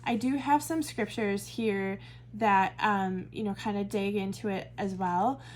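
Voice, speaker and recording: A Midwestern American woman leads a Bible study, teaching casually to camera and thinking out loud with fillers and self-corrections. Her voice is medium in pitch and steady in tone, a little slow, with slight background noise.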